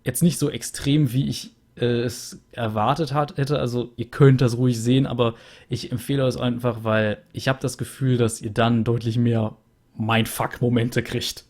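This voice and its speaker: A young man's flat, darkish, mid-range voice carries a casual game wrap-up at a moderate pace for his let's play. He rambles and chats, filling gaps with many fillers, using a USB studio microphone at home.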